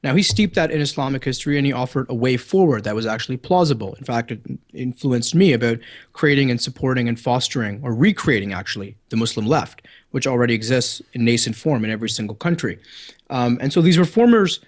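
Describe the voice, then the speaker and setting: A man's voice: mid-range voice, lively intonation, quick pace. A man with a Canadian accent, a guest on a podcast, arguing his case insistently. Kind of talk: debate-style interview.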